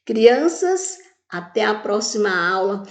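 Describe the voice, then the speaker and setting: Slow, echoey woman teacher. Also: medium pitch, big pitch swings. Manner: asks questions and answers them herself, drawing out words slowly. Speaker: primary school teacher. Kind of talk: recorded video lesson for children.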